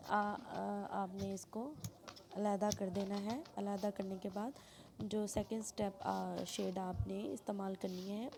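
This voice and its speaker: A woman, talking through a sewing tutorial step by step and clearing her throat now and then. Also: mid-range voice, warm tone. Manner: plain instructional, frequent throat clearing. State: sore throat. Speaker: sewing instructor.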